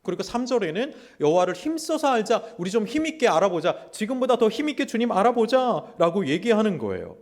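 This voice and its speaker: Animated, loud-voiced male pastor preaching. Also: sits high, brisk, few pauses. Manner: animated, acts out God's and people's words in quotes. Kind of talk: sermon. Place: church sanctuary.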